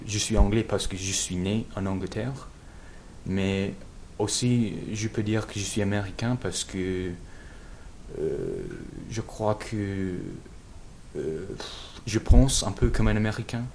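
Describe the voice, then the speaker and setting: Un homme venu d'Angleterre, de langue maternelle anglaise, qui répond en interview d'un ton hésitant en cherchant ses mots. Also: male voice, on the low side, a little mellow, slight background noise. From England. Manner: halting, searching for words. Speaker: guest. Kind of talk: interview answers.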